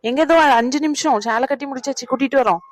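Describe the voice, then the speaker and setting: A woman voicing a bustling female relative in a cartoon who briskly organizes a wedding. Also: high-pitched. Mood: bossy. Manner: brisk, bossy instructions.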